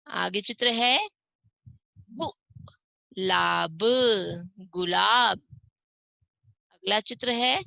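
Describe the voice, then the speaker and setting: A woman's voice: mid-range voice, vocal fry, pushed and bright, dry recording. A woman teaching an online class to young children, sounding out words syllable by syllable and asking the class questions. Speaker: primary school teacher.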